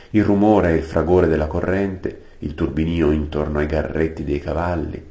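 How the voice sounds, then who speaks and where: Very deep, gravelly male storybook narrator. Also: a little mellow. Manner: unhurried, adds plain-word glosses. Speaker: audiobook reader. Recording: roomy echo.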